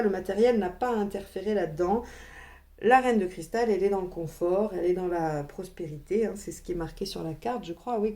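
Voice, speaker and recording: A tarot reader with a medium-pitched, slightly mellow voice gives a casual reading. She chats straight to her viewers, dropping in frequent little "hein" asides.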